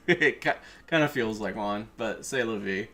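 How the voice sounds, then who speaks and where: Over background music, a man with a fairly low voice, pushed and bright, speaks at a measured pace on a livestream. This streamer and video creator chats casually like an enthusiastic fan and swears from time to time.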